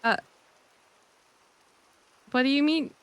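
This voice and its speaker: A woman's voice: sits high, takes it slowly, no echo. A woman chatting in character on a roleplay server, giggling often and stumbling over her restarts. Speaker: roleplay server player and channel host.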